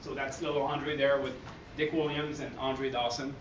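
A French-Canadian baseball coach from Quebec City, Canada, gives an energetic, chatty conference presentation in a dark hall in front of a screen, often tossing in "okay?" in his Québécois French accent. His male voice is medium-pitched and at normal speed. A far camera captures him from a distance, so the hall sounds echoey and noisy.

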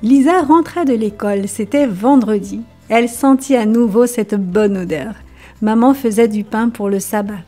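A woman presenting a children's Bible lesson, reading a story in a steady, clear way. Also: a little high, moderate pace, faint music behind.

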